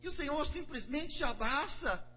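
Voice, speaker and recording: A man's voice: very high voice, lively intonation, fairly quick, a bit bright, slight background noise, voice pushed up. A man voicing an indignant, sulky older brother. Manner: complaining, protesting.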